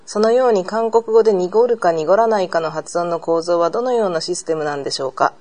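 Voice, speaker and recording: A woman with a somewhat low voice, co-hosting a podcast and reading out a listener's letter. She reads evenly and carefully, without dramatizing. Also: brisk, dark tone.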